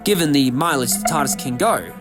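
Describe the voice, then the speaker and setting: Man playing the Doctor, a wildly animated eccentric adventurer. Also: medium pitch, fairly quick, loud music behind the voice, natural voice. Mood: excited, curious. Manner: theatrical, chatty, whimsical. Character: eccentric, excitable male time-travelling adventurer, talkative and whimsical. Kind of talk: fan audio drama acting.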